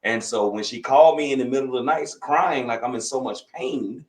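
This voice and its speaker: A man's voice: medium pitch, a little fast, roomy sound, low-quality recording. Folksy Louisiana man in his fifties. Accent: Southern US, Louisiana. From Louisiana, USA. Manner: folksy, rambling, with frequent repetitions. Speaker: guest, physician. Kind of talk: casual conversational interview.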